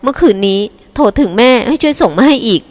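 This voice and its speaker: A woman's voice: high-pitched, animated, fast talker, a little mellow, voice pushed up. A woman reading an audiobook, voicing a brash, defiant young woman who talks bluntly and scornfully. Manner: blunt, scornful and self-assured. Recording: long reverb.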